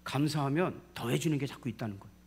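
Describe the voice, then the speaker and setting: A middle-aged man with a Jeolla Korean accent preaching a sermon, calling out for amens and swinging from loud to hushed. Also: mid-range voice, fast, breathy edge. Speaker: pastor.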